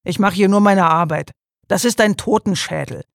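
A man voicing a gruff village policeman who barks blunt orders. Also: sits high, normal speed, no echo, studio quality. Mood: scolding. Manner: loud, blunt, barking. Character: gruff loudmouthed male village cop.

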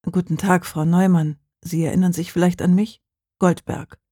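An audiobook reader voicing a calm, patient male police commissioner who speaks politely and measuredly. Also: medium pitch, moderate pace, breathy edge, no room sound, studio quality, lightly acted.

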